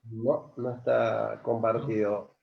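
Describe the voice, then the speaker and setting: A man's voice: on the low side, little pitch movement, slow, creaky. A man casually moderating an online meeting over a video call. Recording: dull, echoey video call, faint noise.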